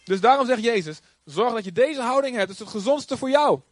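A man preaching a sermon in a lively, conversational way, joking and acting out quotes. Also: very high-pitched, brisk, no echo. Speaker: pastor.

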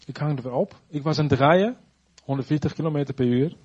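A man with a husky, slightly breathy voice tells a personal faith testimony in an earnest, reflective way. He speaks haltingly, restarting sentences as he searches for words. The recording sounds dull and muffled. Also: fairly high pitch, a little mellow. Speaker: churchgoer giving a testimony.

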